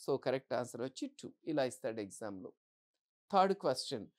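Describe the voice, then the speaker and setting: A woman's voice: a bass voice, sing-song. A woman teaching English grammar for exams, asking the class questions and answering them herself. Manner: reads English example sentences slowly and deliberately. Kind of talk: exam-prep grammar lesson.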